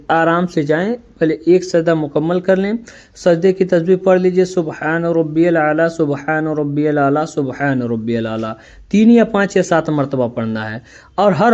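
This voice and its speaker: A man giving a step-by-step religious lesson on how to pray, explaining each step plainly and reciting the prayers slowly. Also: high voice, darkish tone. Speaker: religious instructor. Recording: dull lo-fi audio.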